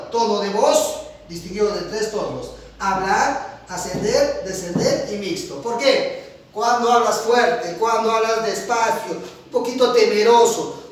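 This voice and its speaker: A middle-aged male teacher giving an online lecture, animated, swinging between loud and quiet, often asking his students if they follow. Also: sits high. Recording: very echoey room, voice from far off.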